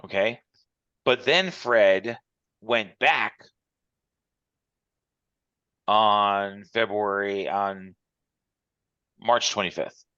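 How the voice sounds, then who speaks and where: A man's voice: on the low side, very slow, pauses often, sharp tone, clear, resonant tone, no echo. Male instructor on a conference call, explaining step by step, muffled and dry. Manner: walks through examples step by step. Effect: heard over a conference call. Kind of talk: online class lecture.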